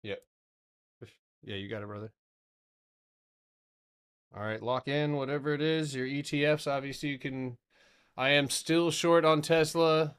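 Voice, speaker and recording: A man's voice: on the high side, a little slow, pauses often, fairly bright tone, smooth. A man in his thirties hosting a trading live stream, talking loosely through charts, swearing now and then and answering his chat. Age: 30s.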